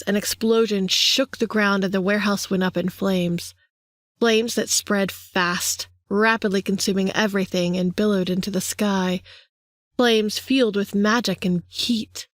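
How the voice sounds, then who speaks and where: Measured woman audiobook narrator. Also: medium pitch, dry recording, clean studio sound. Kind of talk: scripted narration.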